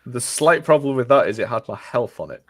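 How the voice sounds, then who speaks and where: A man's voice: mid-range voice, very animated, a little fast, fairly bright tone. A man playing a tabletop game, chatting casually in a cheeky, playful way.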